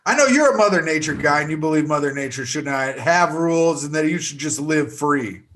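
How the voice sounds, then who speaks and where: A man's voice: on the high side, expressive, fairly quick, a bit bright. Teasing male co-host. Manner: teasing, dry jokes. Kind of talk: casual podcast banter.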